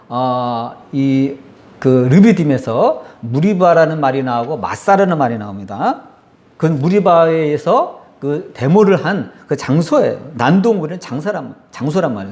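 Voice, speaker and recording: A male pastor preaches a sermon, giving animated voices to the complaining crowd in the story and asking his congregation questions. His voice is on the high side.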